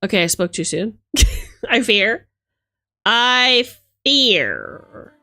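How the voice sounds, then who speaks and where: Here the same streamer's pitch sits fairly high and swings hugely, her delivery extremely slow and sharp in tone. There's no room sound, just faint music, as she playfully hosts the book look-through, mixing theatrical gushing with dry remarks.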